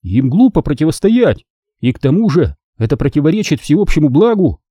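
A man's voice: on the high side, sing-song, a little fast, warm tone, husky, no echo, lo-fi sound, pitched above the performer's own voice. A man voicing a thin, uneasy schoolboy in an audiobook, anxious and dutiful in manner.

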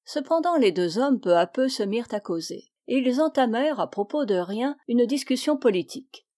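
A woman's voice: a little high, lively intonation, moderate pace, dark tone. Woman reading a classic tale aloud. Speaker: reader.

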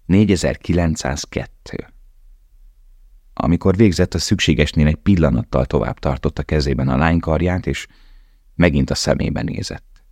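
A man reading a novel aloud in a calm, measured way. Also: rumbling low, no room sound, studio quality. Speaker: audiobook narrator. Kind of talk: scripted narration.

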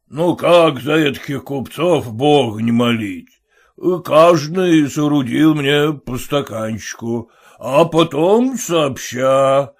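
Man putting on a tipsy coachman, mumbling, slow, drawn out. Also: mid-range voice, heavily acted.

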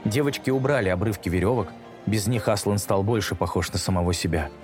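A man narrating a children's story in a measured pace, slowing down for dramatic moments. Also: lowish voice. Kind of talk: audiobook narration. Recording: music bed under narration.

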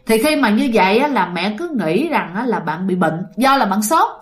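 A woman's voice: medium pitch, sing-song, normal speed. A woman narrating a ghost story in a chatty way, speaking directly to her listeners.

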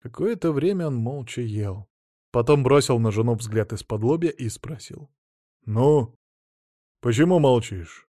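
A man's voice: mid-range voice, expressive, moderate pace, warm tone, no room sound, clean studio sound. A man narrating a novel as an audiobook, reading expressively.

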